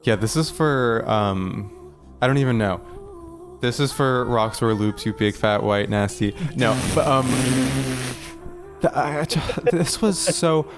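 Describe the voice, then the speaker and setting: A man's voice: medium pitch, unhurried, over music. A man co-hosting a casual chat, ranting bluntly and profanely with strong opinions. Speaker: podcast co-host.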